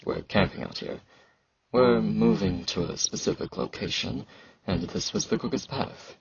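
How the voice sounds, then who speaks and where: Guarded and curt, a man fully inhabits the character of a blunt, awkward fantasy knight and warrior for an intimate ASMR roleplay, halting and dryly dismissive. His low, husky, gravelly voice has sibilant S sounds, recorded dull with no echo.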